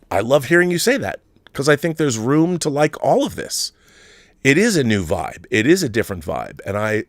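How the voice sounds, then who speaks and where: A male livestream host with a medium-pitched voice chats casually, reading aloud comments and articles. He uses conversational asides and repeats phrases for emphasis, and the recording is dry.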